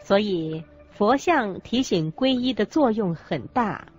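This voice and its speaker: Over a music bed in muffled audio, a woman helps narrate a scripted religious radio drama, taking care in how she words each teaching. She speaks slowly and expressively in a mid-range voice.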